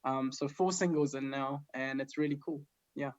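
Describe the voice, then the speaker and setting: A male guest musician from New Zealand chatting casually, relaxed and rambling with many fillers. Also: medium pitch, moderate pace. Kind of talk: casual chat. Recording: dull lo-fi sound.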